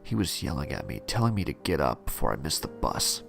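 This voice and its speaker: A man narrating a parody horror story in a deadpan first-person telling. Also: rumbling low, a little fast, vocal fry, music in the background.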